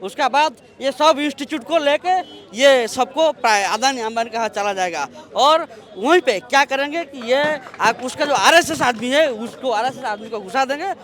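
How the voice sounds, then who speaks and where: A young man with a high, bright voice earnestly lays out his case to a reporter. He speaks steadily and explains point by point, standing among protesters outdoors. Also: expressive, normal speed, few pauses. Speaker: student protester.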